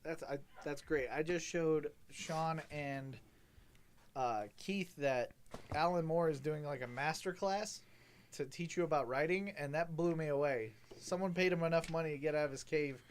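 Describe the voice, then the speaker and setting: A man who teases his co-host in easy banter on a live comic sale. His voice sits fairly high for a man, with a faint hiss of noise behind it. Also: moderate pace. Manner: teasing, playful. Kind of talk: casual live-stream banter.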